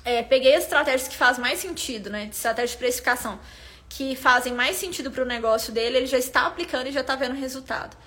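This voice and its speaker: High-voiced woman teaching live. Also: quick pace, fairly bright tone. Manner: chatty, addresses viewers directly with frequent "né?". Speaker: business consultant teaching pricing. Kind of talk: live-stream lesson.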